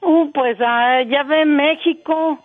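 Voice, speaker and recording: A woman's voice: sits high, slow pace, soft background music. A woman calling in to a radio show, telling a story in a hesitant, homely way. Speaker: caller. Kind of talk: phone-in chat. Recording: tinny dry phone line.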